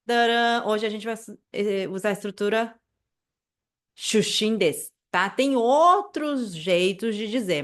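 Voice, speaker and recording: A woman with a Brazilian Portuguese accent teaches an online language lesson at an unhurried pace. She repeats each phrase slowly and patiently, often checking in with the listener. Her voice sits in an ordinary middle register. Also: mid-range voice.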